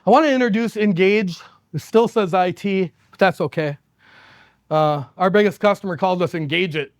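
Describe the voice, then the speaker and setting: Keynote speaker: man, high voice, animated storyteller, dry close sound. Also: normal speed, no room sound. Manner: animated, laughs often, acts out quoted people. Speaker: company executive giving a keynote. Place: conference stage.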